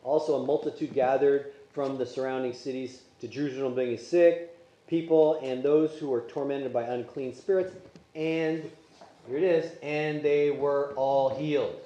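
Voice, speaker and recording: This Sunday school teacher, a Polish native speaker, leads a Bible class conversationally and poses questions to his students. He has a mellow mid-range voice with fairly even intonation and a moderate pace, captured with lo-fi sound in an echoey church classroom.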